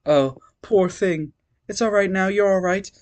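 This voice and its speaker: A man voicing a gentle, motherly young woman who coaxes someone in a soft falsetto. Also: a little slow. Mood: soothing.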